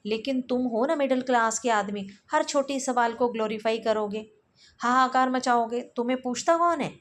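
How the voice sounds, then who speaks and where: Cynical middle-aged male colleague, blunt and mocking, read by a woman in a fairly high voice. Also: moderate pace, slight background noise, lightly acted. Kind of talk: reading a play aloud for exam study.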